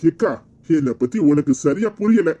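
A man's voice: a little high, lively intonation, moderate pace, dark tone, lo-fi sound, close to an everyday voice. A man playing a cocky, scheming village man. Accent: Kanyakumari Tamil. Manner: sly, cocky, persuasive.

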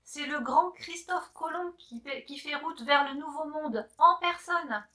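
A woman reading a children's picture book aloud, gentle and expressive, talking to a young listener. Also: sits high, a little slow. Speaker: story reader.

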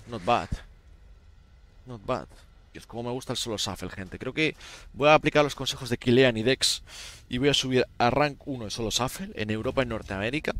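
A young Spanish man with a Spanish accent streams games live, chatting casually with viewers and sounding tired. He's chatty, calling his audience "tío" and "gente". His voice is on the low side with a fairly bright tone.

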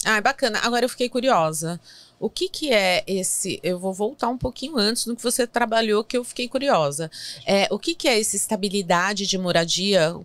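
A woman's voice: mid-range voice, brisk, fairly bright tone, no echo. A woman hosting an interview show in a podcast studio, upbeat and enthusiastic, often addressing her audience directly. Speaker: host. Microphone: boom-arm studio mic.

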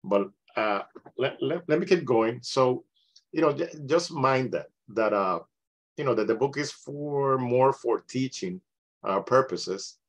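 A man's voice: medium pitch, lively intonation, measured pace. A middle-aged man leading a book club over a video call, talking casually with many restarts. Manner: hesitant, many restarts and "you know".

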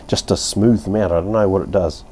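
He's a Kiwi in his fifties, casually rating a beer at his outdoor home bar with a laid-back, blunt, rambling manner, filler words and some mild swearing included. His voice is low-pitched, warm and steady, moving fairly quickly, with a bit of hiss or hum.

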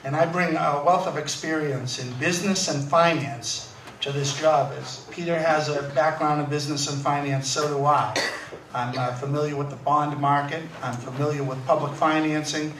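A man who is council president, answering at a candidates' forum in a hurried manner with many fillers. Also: fairly high pitch, steady tone, fairly bright tone. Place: school hall, heard from afar. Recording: echoey hall, distant mic, faint noise.

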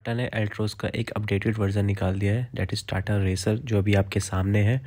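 Man, calm spec commentary, monotone, indoor auto show, phone recording, clear background noise. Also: lowish voice, moderate pace. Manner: calm, explanatory, gives specs. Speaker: car show presenter. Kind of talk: casual walkaround commentary.

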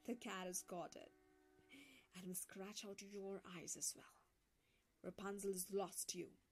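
A woman voicing a wicked old enchantress who speaks in a mocking, venomous hush for a storybook reading. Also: little pitch movement, measured pace, husky. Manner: mocking, venomous, hushed and low.

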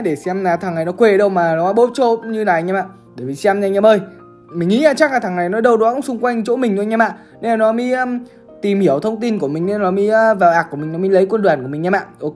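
Fast-talking woman gamer. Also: medium pitch, a little mellow. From Bắc Giang, Vietnam. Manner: chatty, keeps calling out to the audience. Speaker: gaming streamer. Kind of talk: casual gaming commentary to viewers.

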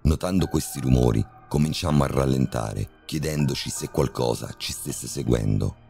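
A man with an extremely deep, gravelly voice reads a horror story in a measured, steady way. His tone is dark and mellow, with faint music behind him. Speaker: narrator. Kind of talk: scripted horror story narration.

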